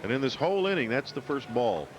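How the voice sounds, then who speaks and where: A man's voice: medium pitch, very animated, fast, a crowd in the background. A man giving conversational baseball color commentary in a folksy, colloquial way. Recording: noisy outdoor ballpark broadcast. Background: ballpark noise.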